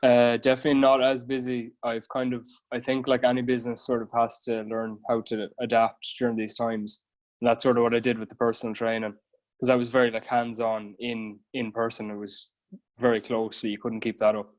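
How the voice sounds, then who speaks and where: A man's voice: mid-range voice, little pitch movement, brisk. A man from Galway with a west of Ireland accent, explaining things informally as a guest personal trainer in a casual podcast interview.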